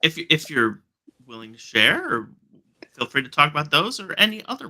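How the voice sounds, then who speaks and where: A man's voice: a little high, sing-song, fairly quick, sharp tone. A man hosting a casual live stream on a video call, chatty and joking, often trailing off and restarting. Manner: chatty, trails off and restarts, jokes about acronyms.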